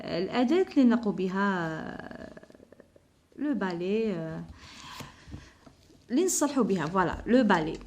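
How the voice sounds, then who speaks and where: A woman teaching a primary school lesson. She repeats words slowly, spells out letters and sounds, and slips in Arabic words to explain vocabulary. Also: medium pitch. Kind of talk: slow classroom lesson explanation.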